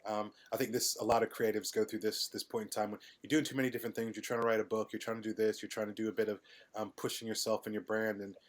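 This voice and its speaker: Middle-aged man guest, low monotone, relaxed and hesitant delivery. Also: fast talker. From United States, Midwest. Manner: relaxed, hesitant with many ums. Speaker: podcast guest. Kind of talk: casual interview conversation.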